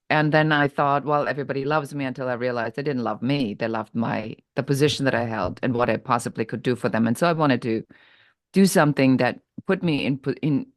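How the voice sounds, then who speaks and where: Middle-aged woman guest; candid, energetic storyteller, dry close mic. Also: a bass voice, no room sound. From Germany. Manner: candid, energetic, quick bursts with frequent fillers. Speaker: podcast guest, business coach. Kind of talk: conversational storytelling interview.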